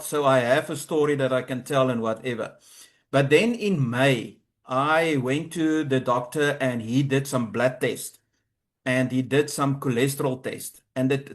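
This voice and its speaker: Halting man sharing his testimony. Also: mid-range voice. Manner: halting, with frequent restarts and fillers. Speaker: testimonial speaker. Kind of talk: personal testimony at an online presentation.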